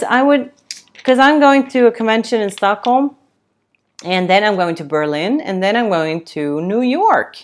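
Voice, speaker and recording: A young woman hosting a casual livestream chat, reading out comments and rambling with many fillers and restarts. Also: low-pitched. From Sweden. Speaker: tattoo livestream host.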